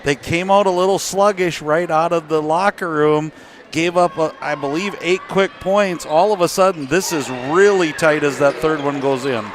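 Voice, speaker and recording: Man, basketball color commentator, slightly high voice, folksy and relaxed, faint gym noise. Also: normal speed. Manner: relaxed, folksy analysis with fillers and score updates.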